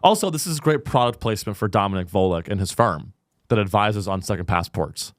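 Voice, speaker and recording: A man hosting a podcast, joking crudely and sarcastically in casual chat, often jumping into a high mocking pitch. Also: expressive, fairly quick, dry recording, clean studio sound. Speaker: podcast host.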